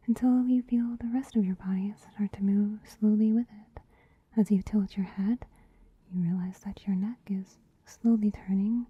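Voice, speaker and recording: A breathy, almost voiceless whisper from a woman as a soft-pawed bunny spa attendant, unhurried and teasing. The sound is dry and close, with a slightly dull, muffled top end, as in an intimate ASMR recording. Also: medium pitch, no room sound. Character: gentle soothing female bunny spa attendant. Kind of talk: ASMR roleplay. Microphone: close mic.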